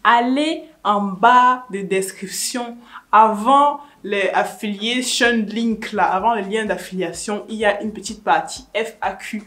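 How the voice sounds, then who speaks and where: A woman's voice: medium pitch, unhurried, a bit bright. A woman, chatting casually through viewer questions in a teasing, laughing way. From Cameroon. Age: 20s. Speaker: YouTuber. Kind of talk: casual vlog Q&A.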